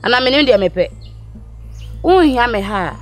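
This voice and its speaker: A woman's voice: a little high, big pitch swings, normal speed, faint music behind. A woman with a Ghanaian accent playing a fed-up young girlfriend who complains and defends herself in a comedy skit. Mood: defiant. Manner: indignant, complaining.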